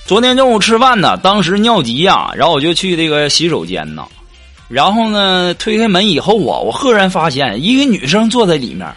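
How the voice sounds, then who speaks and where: A man with a high, bouncy voice tells one short joke after another as a comic monologue. His pitch swings widely as he acts out the people in his stories. A clear music bed plays under him the whole time. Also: a little fast. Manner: animated storyteller, acts out quoted voices. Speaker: comedy host telling short jokes.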